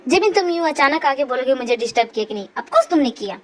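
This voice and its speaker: A woman's voice: high-pitched, expressive, quick pace, a bit bright, voice pushed down. A young woman voicing a rude young man who snaps and orders others away. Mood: irritated. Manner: snappish, dismissive. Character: rude, curt young man, sister's brother-in-law.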